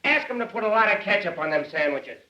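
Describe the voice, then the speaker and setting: A breezy, needling pressroom reporter in a 1930s screwball comedy film. His high, very sharp voice tosses out teasing banter on an old soundtrack. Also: expressive, quick pace, highs cut off. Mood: bossy.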